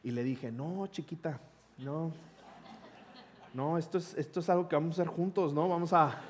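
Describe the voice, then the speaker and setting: A man's voice: on the high side, fast talker, slight background noise. A middle-aged man, a pastor telling a personal story in a conversational sermon and acting out the dialogue. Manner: conversational, animated retelling with quoted dialogue.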